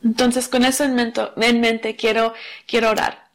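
Young woman giving a church sermon, kinda high voice, lots of "um"s, earnest and chatty. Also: level tone. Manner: earnest, conversational, many "am" fillers and restarts; slows to read scripture aloud. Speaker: preacher. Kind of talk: Wednesday service sermon.

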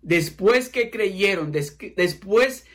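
A man preaching a sermon with passion, rising to loud cries and dropping to hushed prayer. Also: sits high, expressive, takes it slowly. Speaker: pastor.

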